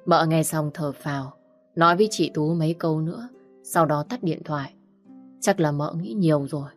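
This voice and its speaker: Brief: female storyteller, lowish voice, steady narration, faint harp beneath.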